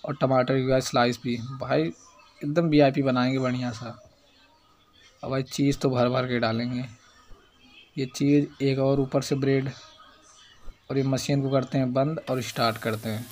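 A young man giving casual, excitable gameplay commentary, chatting in slang and scolding the game's baby character. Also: mid-range voice, measured pace, pauses often, slight background noise. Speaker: gaming YouTuber.

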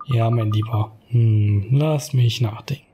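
A man's voice: on the low side, fairly even intonation, unhurried, background noise, natural voice. A man voicing a kindly, forgetful elderly female owl shopkeeper in a game, musing in polite, old-fashioned words.

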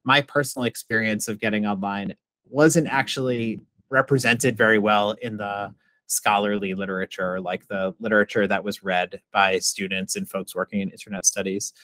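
A man's voice: fairly low pitch, moderate pace, dry recording. A man in his thirties from Massachusetts, a professor speaking as a guest in a thoughtful, conversational way with many "like" fillers, over a video call. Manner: thoughtful, frequent "like" fillers, expressive hand gestures. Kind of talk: conversational interview answer. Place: home office. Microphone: video call with earbuds.

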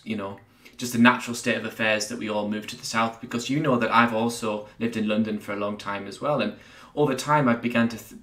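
A man's voice: mid-range voice, fairly bright tone. A man in his thirties, a party founder interviewed over a video call, talking earnestly and rambling with many fillers. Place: small room indoors. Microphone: headphones on a video call.

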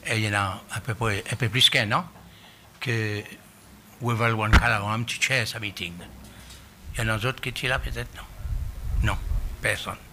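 A man giving halting testimony at a public hearing, often restarting as he searches for words. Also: lowish voice, steady tone, pushed and bright, a little hiss or hum. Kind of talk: spoken testimony. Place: hearing room.

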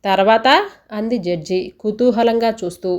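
A woman narrates a bedtime story aloud. Her reading is expressive and dramatic, acting out every turn with her voice. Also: medium pitch, moderate pace.

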